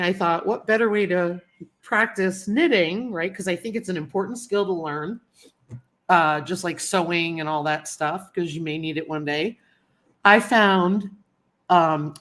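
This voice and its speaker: Slightly bright and on the lower side, this livestream host chats casually with her viewers, calling them by name. A cold leaves her a bit sniffly.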